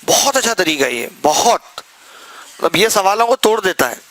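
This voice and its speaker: A male maths teacher with a bright, forceful voice sitting a little high for a man. He talks his students through each sum while teasing them between steps. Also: very animated, normal speed, poor audio. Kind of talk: live classroom maths lesson.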